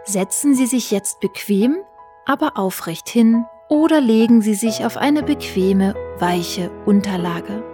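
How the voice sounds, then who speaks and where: A woman narrating a scripted guided meditation in a soothing, measured manner. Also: mid-range voice, lively intonation, warm tone. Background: music.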